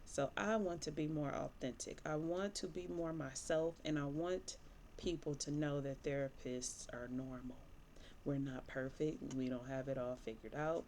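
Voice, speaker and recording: A licensed therapist from Michigan, USA, in her thirties, talks candidly and casually to the camera, rambling with plenty of fillers and sniffling from allergies. Her voice is low-pitched, steady, a little mellow, at normal speed. A little hiss or hum runs in the background.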